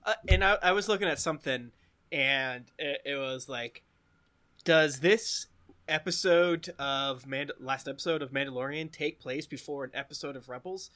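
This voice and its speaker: Bright-voiced man in casual chat. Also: mid-range voice, moderate pace. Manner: animated, swearing, breaks into laughter and goofy impressions.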